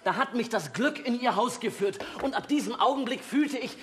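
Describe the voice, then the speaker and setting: A young theology student, hoarse sharp voice, high, stiff and earnest. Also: male voice, animated, fairly quick, slight background noise. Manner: earnest, formal. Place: theatre stage.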